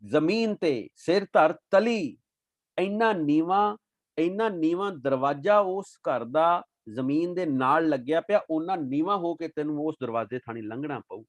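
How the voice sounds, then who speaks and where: A fairly high-voiced man teaching from scripture in a devotional talk. He chants verses slowly, then breaks into lively explanation. The sound is close and dry. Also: no room sound.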